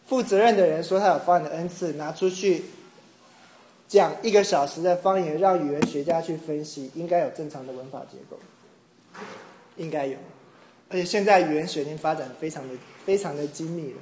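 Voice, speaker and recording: A middle-aged man from Taiwan preaching a sermon, telling a personal story with animated mimicry of others. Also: a little high, fairly quick, slight background noise. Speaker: pastor. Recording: echoey room with faint ambience.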